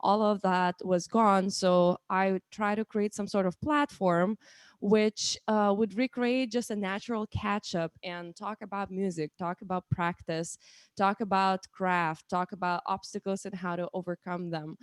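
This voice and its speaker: A woman's voice: mid-range voice, steady tone, unhurried, smooth, no room sound, clean studio sound. A woman in her thirties with a Lithuanian accent, hosting a casual live-stream chat with many restarts and fillers. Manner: chatty, with frequent restarts and fillers. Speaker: host.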